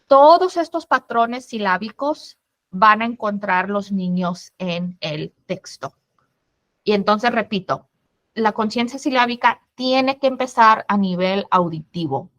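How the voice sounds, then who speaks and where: A woman with a mid-range voice gives an online workshop to parents in the manner of a former teacher. She explains step by step and sounds out syllables slowly and clearly. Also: medium pitch, animated, fairly bright tone.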